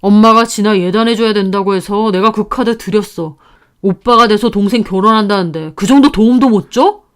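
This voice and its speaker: A woman's voice: mid-range voice, fairly quick, lightly acted. A woman voicing a stubborn husband who answers in a dismissive, defiant way in a spoken drama story.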